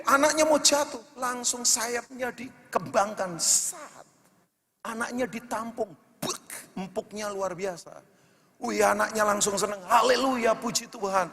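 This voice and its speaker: A man preaching as a pastor, swinging from loud, emphatic calls to hushed, quiet passages. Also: high voice. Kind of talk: sermon. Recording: long hall reverb.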